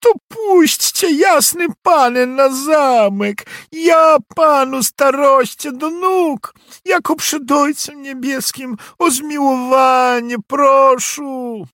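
A man's voice: slow, fairly bright tone, no room sound, studio quality, heavily acted. A man voicing a desperate young peasant girl who cries out her pleas. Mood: pleading. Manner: shrill pleading cries.

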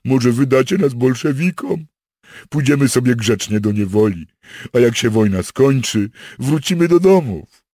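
A man's voice: mid-range voice, lively intonation, a little slow, mellow, no room sound, clean studio sound, pitched above the performer's own voice. A man voicing a frightened young male German soldier, pleading and strained in an audiobook. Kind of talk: audiobook character voice.

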